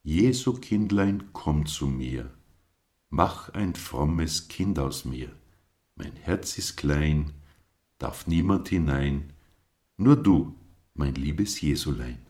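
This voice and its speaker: A man's voice: a bass voice, expressive, slow, darkish tone, heavily acted. A man voicing a small, brave young male lamb in a storybook reading, sounding eager and earnest. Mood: prayerful.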